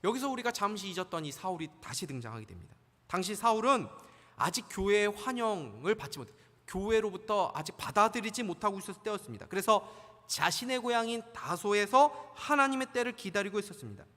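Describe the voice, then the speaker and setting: A man preaching from the pulpit, his voice high and bright, with a long church reverb trailing each phrase. He asks the congregation questions and then answers them himself, moving between formal preaching and easy, conversational asides. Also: very animated, brisk. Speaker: senior pastor. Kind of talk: sermon. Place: church sanctuary.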